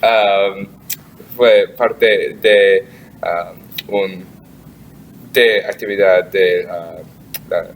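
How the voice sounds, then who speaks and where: Slow, halting man asking questions. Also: sits low, steady tone. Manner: very halting, constant "ah" fillers, searching for words. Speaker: interviewer. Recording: distant mic with faint background noise.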